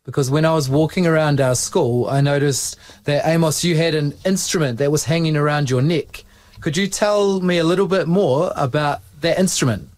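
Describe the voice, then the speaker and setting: A man's voice: fairly high pitch, moderate pace, darkish tone, no echo. A man, a school teacher patiently asking his students encouraging questions. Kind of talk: interviewing students.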